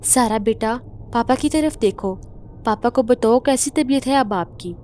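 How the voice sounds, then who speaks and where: A woman voicing a worried, protective father who calms his frightened family in a horror story. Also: fairly high pitch, slight background noise, lightly acted. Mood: soothing. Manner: soothing, reassuring. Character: worried middle-aged father, calm and protective.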